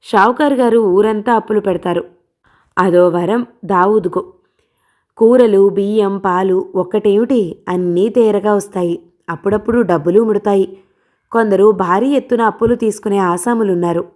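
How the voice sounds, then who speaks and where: A woman narrating a novel as an audiobook reader, in a steady, plain reading voice. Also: medium pitch, moderate pace. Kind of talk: storytelling narration.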